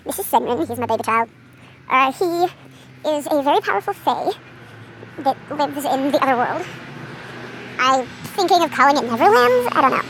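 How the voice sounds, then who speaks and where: Young woman, high voice, rambling casual vlog talk, faint outdoor hiss. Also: very animated, normal speed, long pauses, a bit bright. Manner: chatty, easily distracted, rambling with fillers. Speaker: vlogger showing her character drawings. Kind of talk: casual chat.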